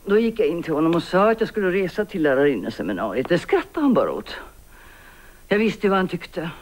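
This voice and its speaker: An actress in her sixties playing a guilt-ridden older woman writer who makes a hushed, halting, often whispered confession in a TV drama. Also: lowish voice, big pitch swings. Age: 60s. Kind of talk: 1990s Swedish TV drama acting.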